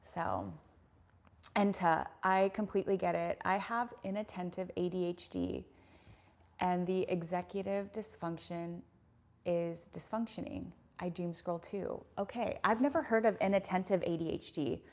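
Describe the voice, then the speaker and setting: A woman's voice: lowish voice, fairly even intonation, measured pace, darkish tone. A woman in her thirties hosting a casual livestream, reading viewer comments and talking in an earnest, rambling way with lots of fillers. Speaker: YouTube livestream host.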